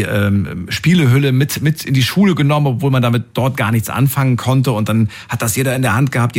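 Ein Mann Ende dreißig aus Thüringen moderiert eine Anrufsendung im Radio und plaudert locker mit Füllwörtern. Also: male voice, mid-range voice, darkish tone. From Thuringia, Germany. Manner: chatty, reminiscing, with fillers. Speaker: radio call-in host. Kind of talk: radio call-in show.

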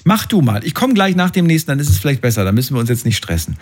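A man's voice: mid-range voice, very animated, racing. A man hosting a call-in show in a casual, conversational way.

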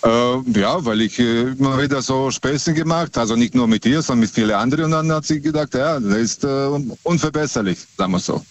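A middle-aged man from Serbia, calling in over the phone and telling his story in a hesitant, halting way with many filler sounds. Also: medium pitch, lo-fi sound. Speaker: caller. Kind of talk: casual chat.

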